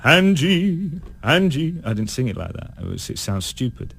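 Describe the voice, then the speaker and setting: A British man with a low, gravelly voice talks through his ideas in a relaxed interview. He speaks thoughtfully and stumbles over his words, restarting his sentences often. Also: slight background noise. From United Kingdom. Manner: thoughtful, halting with many restarts. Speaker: guest singer. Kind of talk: casual interview chat.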